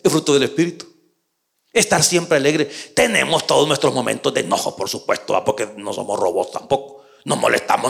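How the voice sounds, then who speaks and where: A pastor preaching a sermon, addressing listeners directly with rhetorical questions and swinging between loud rises and hushed drops. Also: male voice, medium pitch, creaky.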